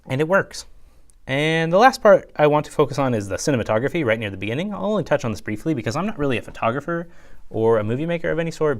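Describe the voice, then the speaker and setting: A young man giving a casual solo review, rambling with lots of fillers and jumping up in pitch when he gets excited. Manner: chatty, rambling, lots of fillers like "you know" and "like". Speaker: YouTube reviewer.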